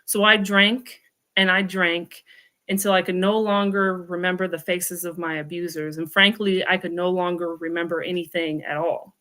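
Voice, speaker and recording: A woman's voice: on the low side, fairly even intonation, normal speed, bright, forceful tone. A woman in her thirties, a guest author, telling her personal story in a candid, reflective way with wry asides.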